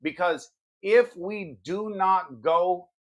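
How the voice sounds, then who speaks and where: High-pitched man, emphatic political podcast host. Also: takes it slowly, fairly bright tone. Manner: emphatic, combative. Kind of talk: political commentary monologue and podcast talk.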